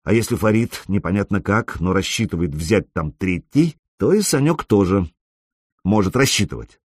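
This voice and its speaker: Husky, expressive male audiobook narrator. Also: deep voice, moderate pace, dry recording. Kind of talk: scripted narration. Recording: dry close mic.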